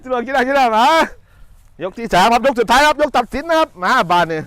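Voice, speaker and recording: A man giving excited live boxing commentary, urgent and repeating short exclamatory calls. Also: very high voice, fast talker.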